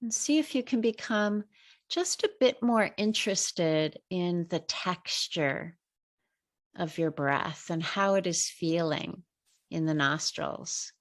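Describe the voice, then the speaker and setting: Leading a guided meditation, a middle-aged woman speaks in a lowish, animated voice. She gently and slowly talks listeners through breathing and relaxation.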